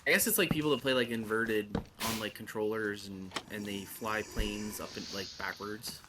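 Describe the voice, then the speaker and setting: A man's voice: fairly low pitch, moderate pace, very noisy. A man from Canada, casually joking and riffing on words while playing a game on a livestream. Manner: joking, playful, riffs on words. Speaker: co-player on a livestream. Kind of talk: casual gaming chat. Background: game music.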